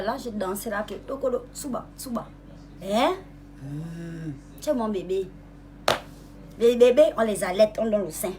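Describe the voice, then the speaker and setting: A young woman rapper, taunting a rival in a casual live-stream monologue, sweet-talking and mocking and calling her "baby", jumping higher in pitch when she gets worked up. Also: slight background noise. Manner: mocking and sweet-talking, calls the listener "baby", asks "hmm?"; drawls some words slowly, voice jumps higher when angry.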